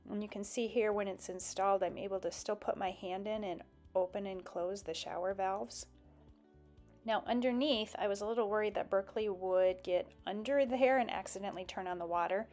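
A woman's voice: mid-range voice, steady tone, a little fast, a little mellow, soft background music. A woman narrating a step-by-step build tutorial in a plain, explanatory voice-over.

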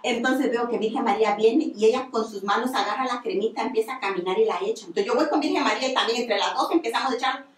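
On the radio, a woman shares a religious testimony, telling her story earnestly and repeating herself often. Her voice is a little high and quick, captured by a distant mic in an echoey studio.

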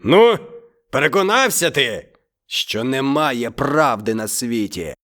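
A man voicing an ungrateful, hungry male tiger in a storybook reading, growly and drawn-out, with soft music behind. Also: mid-range voice, big pitch swings. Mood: gloating.

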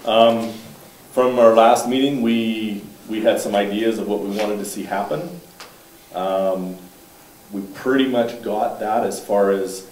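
Low-voiced male councillor, halting and plain-spoken; distant, echoey room mic. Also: a little mellow, a little hiss or hum. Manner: halting, with restarts and fillers, matter-of-fact. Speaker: town councillor. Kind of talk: reporting at a council meeting. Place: council chamber, indoors. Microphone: far room mic.

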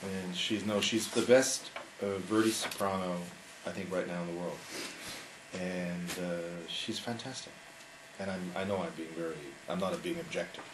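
A man's voice: low voice, steady tone, moderate pace. A man speaking earnestly and a bit hesitantly, urging people to come to a concert. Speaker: concert sponsor. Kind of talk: casual talk. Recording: echoey noisy room.

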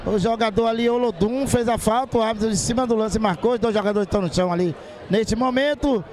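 A man's voice: sits high, fast, a little mellow. A man with a Bahian accent reporting live on a football match from an outdoor ground. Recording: clear stadium crowd noise.

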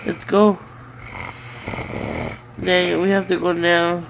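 A woman's voice: fairly low pitch, level tone, slow pace, creaky. A woman in casual chat, teasingly prodding a sleep-talking partner with repeated questions. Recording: noisy home recording.

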